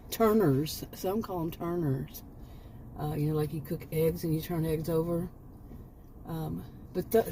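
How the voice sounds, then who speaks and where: Mellow-voiced rambling woman in her late fifties. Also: fairly low pitch, slight background noise. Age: 50s. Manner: digressive, self-correcting, chuckling asides. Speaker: homemaking vlogger. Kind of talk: rambling casual monologue.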